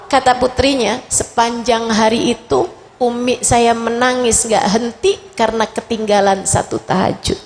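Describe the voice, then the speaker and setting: A woman's voice: fairly high pitch, fairly even intonation, measured pace. A woman preacher delivering an impassioned, emotive sermon. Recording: echoey hall.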